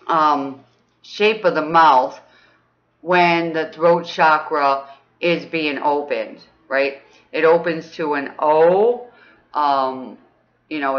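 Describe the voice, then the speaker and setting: A woman leading a guided throat chakra exercise, chatty and upbeat, often checking in with "okay?" and breaking into high whoops. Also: highs cut off. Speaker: spiritual teacher.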